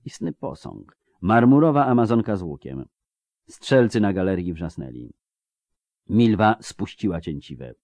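A man narrating an audiobook in a steady, dramatic reading style. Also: deep voice, measured pace, dry recording. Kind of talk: scripted narration.

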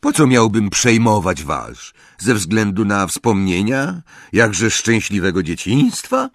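A man's voice: on the low side, very animated, slow pace, no room sound, studio quality, pitched above the performer's own voice, exaggerated voice. Man doing a sarcastic teenage boy. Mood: dry sarcasm. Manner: sarcastic, cool.

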